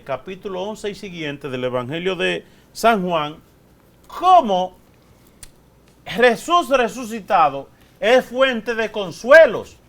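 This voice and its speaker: Man, priest, bible sermon, high voice, lively swings in pitch, asks questions. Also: creaky. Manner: expressive, asks the listeners questions and repeats phrases.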